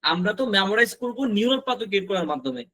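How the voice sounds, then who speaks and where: Male teacher, high voice, patient vocabulary drilling, talks straight to students. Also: sing-song, fairly bright tone. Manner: repeats words slowly for drilling; addresses students directly with questions. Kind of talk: recorded vocabulary lesson.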